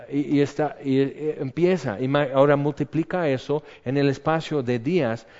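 A man preaches in a casual, storytelling way and slips into the voices of the people he talks about. His voice is smooth and resonant at a middle pitch. It rings with the long echo of a big hall and comes through a dull, lo-fi recording. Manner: conversational, animated storytelling with acted-out quotes. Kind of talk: sermon on a Bible passage. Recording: reverberant hall, dull lo-fi sound.

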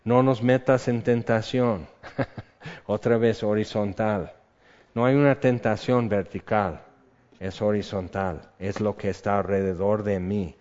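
A man's voice: lowish voice, fairly even intonation, a little slow, a little mellow. A man preaching a sermon as a pastor, talking in a conversational way and putting questions to his congregation. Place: church hall. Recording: muffled sound in a reverberant hall.

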